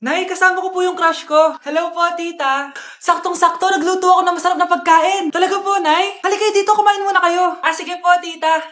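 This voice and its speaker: A woman acting out comedic skits and playing every character herself, often breaking into shouts. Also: very high-pitched, steady tone, a little fast, roomy sound.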